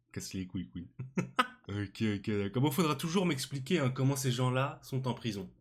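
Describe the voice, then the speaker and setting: A young man giving excited reaction commentary, slangy and exclamatory, often repeating his phrases. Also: medium pitch, normal speed, husky. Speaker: manga reaction youtuber. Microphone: studio microphone on arm.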